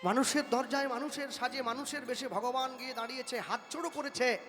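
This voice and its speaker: A man's voice: extremely high pitch, steady tone, fast. A man preaching a devotional sermon, delivering it in an impassioned, rhythmic, declamatory way. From West Bengal, India. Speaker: kirtan preacher. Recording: reverberant hall with faint music.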